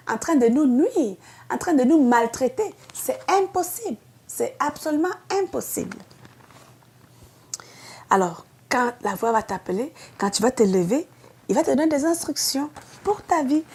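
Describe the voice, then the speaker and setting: A woman's voice: high-pitched, darkish tone. A woman pastor with a Québécois French accent giving an earnest devotional sermon, pleading and then rising to emphatic outbursts.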